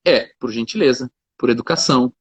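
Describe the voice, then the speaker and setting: A man's voice: mid-range voice, a little fast, husky, no room sound. A man, a lawyer talking in a casual conversation, explaining his points with everyday examples and lots of fillers. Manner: talkative, explains with examples, fillers like 'cara' and 'né'. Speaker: lawyer, guest. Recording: dull lo-fi sound.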